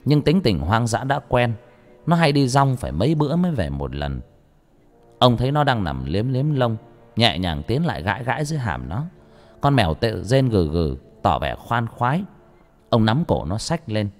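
A man narrating a ghost story in an expressive storytelling manner. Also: mid-range voice, normal speed. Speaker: audiobook narrator. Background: faint background music.

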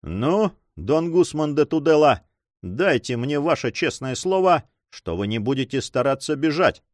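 A man's voice: a little high, big pitch swings, unhurried, dry recording, studio quality, pitched above the performer's own voice. A man reading as a stern commanding nobleman. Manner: commanding, solemn.

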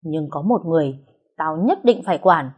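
A woman voicing a furious, domineering older father who shouts harsh commands. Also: low voice, animated, normal speed, husky. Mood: stern.

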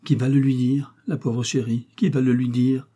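Male reader doing anxious older innkeeper's wife, pleading, mellow and husky. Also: medium pitch, level tone, normal speed, lightly acted. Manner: fretful, pleading. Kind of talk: audiobook character reading.

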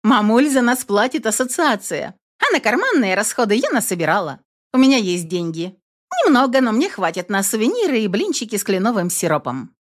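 A woman's voice: fairly high pitch, very animated, brisk, pitched above the performer's own voice. A woman voicing a bubbly, affectionate teenage girl of nearly eighteen who gushes and coaxes with pet names. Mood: reassuring. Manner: gushing, coaxing, uses pet names.

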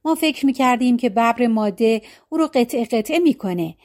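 A woman's voice: fairly high pitch, darkish tone, close to an everyday voice. A woman reading the lines of a scheming old khan in a folk tale, in a plain storytelling voice. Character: scheming sick old khan, cold ruler.

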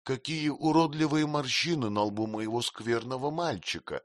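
A man's voice: mid-range voice, normal speed, dry recording, clean studio sound, voice pushed up, natural voice. A man voicing a childish, girl-like young wife who pleads plaintively and tearfully in an audiobook reading. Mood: playful.

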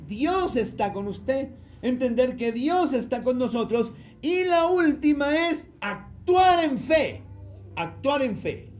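A male pastor preaching an animated sermon, leading the congregation to repeat after him and often asking short questions. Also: muffled recording. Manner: animated, swings from loud emphatic calls to low quiet asides; leads the congregation in call-and-repeat.

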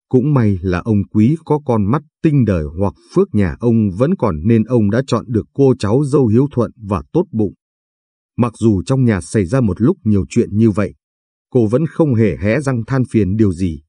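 Low husky male storyteller. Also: no echo. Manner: calm, measured storytelling. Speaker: narrator. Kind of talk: late-night audio story reading.

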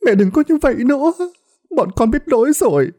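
A high, strained voice for a village mourner or a small boy, put on by a man reading a ghost story. The tone is mellow and dark. The sound is dry and close. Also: expressive, normal speed, no echo. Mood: wailing. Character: wailing daughter-in-law and young village boy.

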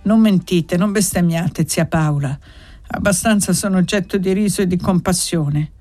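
A resentful young farmhand in a storybook reading, blunt and insistent, read by a woman in a low voice. He presses his grievance with bitter persistence. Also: normal speed, mellow, faint music behind, lightly acted. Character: angry young male servant, jealous and blunt.

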